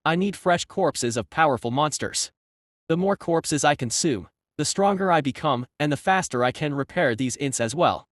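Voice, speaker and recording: A man's voice: fairly high pitch, expressive, normal speed, dry recording, natural voice. A man voicing a sardonic, grumbling male demonic tree in a storybook recap. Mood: matter-of-fact. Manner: dry, grumbling remarks.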